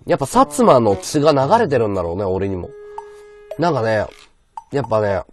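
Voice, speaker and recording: A man's voice: fairly low pitch, animated, brisk, soft background music. A man streaming live, chatting casually and answering his viewers' comments aloud. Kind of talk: casual livestream chat.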